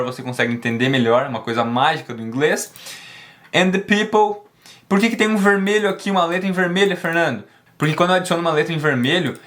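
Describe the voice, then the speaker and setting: Man, fairly high voice, emphatic language teacher who repeats and drills each word. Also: fairly bright tone. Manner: drills words slowly and repeats them; emphatic, encouraging. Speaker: English teacher. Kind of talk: online language lesson.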